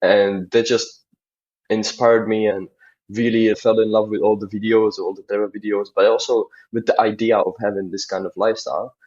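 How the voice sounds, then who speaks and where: Husky young Czech man, lo-fi. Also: lowish voice, level tone, normal speed, darkish tone. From Czech Republic. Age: 20s. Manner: earnest, rambling with restarts. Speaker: podcast guest. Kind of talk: casual interview talk.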